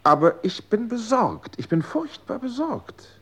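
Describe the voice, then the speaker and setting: A man's voice: medium pitch, very animated, moderate pace. An actor playing an anxious, pleading man in a 1960s radio drama.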